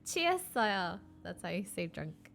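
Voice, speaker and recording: A woman's voice: fairly low pitch, very animated, fast, creaky, a bit bright, a little hiss or hum. A woman giving a casual live-streamed beginner lesson, explaining with lots of fillers and restarts. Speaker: streamer teaching Korean.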